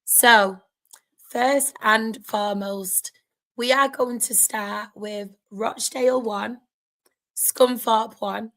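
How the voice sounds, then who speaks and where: A woman's voice: fairly high pitch, fairly even intonation, takes it slowly, pushed and bright, poor audio. A woman with a sore, strained throat, chatting casually to viewers as host of a football fan livestream.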